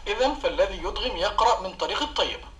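Formal male TV host: brisk, polite questions, reverberant room. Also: high-pitched, expressive, bright, forceful tone. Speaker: TV program host. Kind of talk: formal interview.

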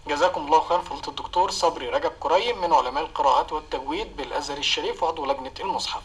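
Fast-talking formal male host. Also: on the high side, a bit bright, roomy sound, rough recording. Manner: polite, formal questioning. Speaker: TV program host. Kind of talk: formal interview.

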